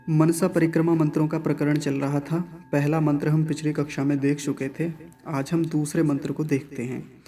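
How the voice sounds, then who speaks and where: A man teaching Vedic mantra pronunciation, patiently repeating each word slowly, syllable by syllable. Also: on the high side, mellow. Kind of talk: online recitation lesson.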